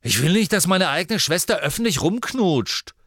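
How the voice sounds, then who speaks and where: A man voicing a jealous, hot-headed teenage boy who shouts indignantly. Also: high-pitched, very animated, takes it slowly, dry recording, clean studio sound, voice pushed up, full character voice. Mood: angry.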